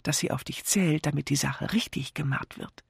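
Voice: mid-range voice, sing-song, moderate pace, gravelly, slightly rough, dry recording, clean studio sound, pitched above the performer's own voice, heavily acted. A reader voicing a doll-like young wife who coaxes her husband in a wheedling, whiny tone, in an audiobook. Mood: coaxing. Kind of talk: audiobook character voice.

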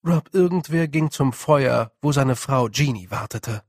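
A man narrating a storybook calmly and evenly at an unhurried, deliberate pace. His voice is husky, with a gravelly edge to it. The recording is dry, with no room sound. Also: medium pitch, dry recording. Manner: calm, measured storytelling. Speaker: audiobook narrator. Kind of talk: scripted narration.

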